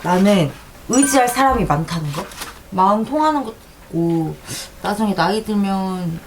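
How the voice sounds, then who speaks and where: Brief: young woman, medium-pitched voice, informal sisterly chat, audible background noise. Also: lively intonation, normal speed. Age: young adult. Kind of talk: casual chat between sisters.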